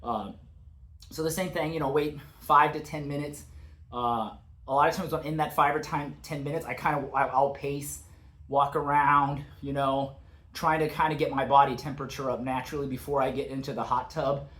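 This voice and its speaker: A man's voice: mid-range voice, steady tone, moderate pace, a bit bright, echoey room. A man casually explaining his home cold plunge routine, rambling with lots of "like" and "uh" fillers. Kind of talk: casual how-to talk. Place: outdoors or patio beside a cold plunge tub.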